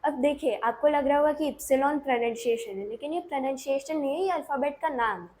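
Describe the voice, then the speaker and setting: A woman's voice: high-pitched, fast talker, darkish tone, a little hiss or hum. A woman with an Indian accent teaching a beginner language lesson, explaining patiently step by step and checking in often.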